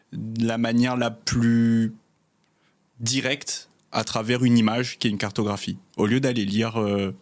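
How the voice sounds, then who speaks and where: A young man talks casually as an interview guest. His voice sits at an ordinary middle pitch, and he rambles gently with fillers and easy laughs. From Réunion. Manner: relaxed, many fillers, laughs easily. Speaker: guest, cartographer.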